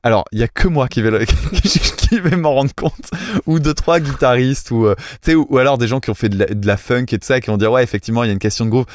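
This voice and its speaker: A mid-voiced man co-hosting a casual music podcast talks fast as he critiques cover songs, getting technical, poking fun at himself, and using plenty of fillers. There's no echo.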